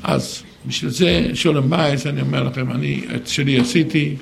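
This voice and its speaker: An older man giving an animated sermon, acting out other people's words in raised voices. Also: mid-range voice, gravelly, breathy edge.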